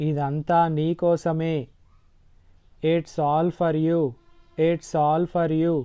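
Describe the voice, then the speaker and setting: Slow, clear man with a Telugu accent. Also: a little high, flat delivery, dark tone, highs cut off. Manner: slow, deliberate repetition. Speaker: English teacher. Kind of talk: slow sentence drill, Telugu then English twice.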